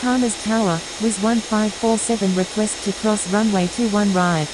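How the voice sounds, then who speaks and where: Female actor as airline pilot, radio phraseology, medium pitch, businesslike, clear hiss and engine-like noise. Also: steady tone, moderate pace, lightly acted.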